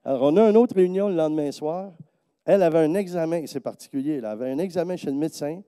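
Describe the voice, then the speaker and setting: A racing male voice, clean and without room sound, delivers a church sermon testimony in a Quebec French accent. He tells lively stories and plays the people in them using a higher voice.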